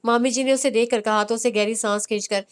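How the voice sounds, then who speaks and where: A woman narrating a romantic novel in a steady storytelling manner. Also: a little high, smooth. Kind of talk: audiobook narration.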